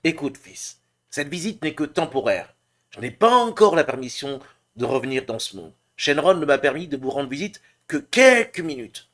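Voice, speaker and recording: A man's voice: on the high side, sing-song, moderate pace, a bit bright. A man voicing a grave dead father who speaks to his son, in an anime dubbing demo. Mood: solemn.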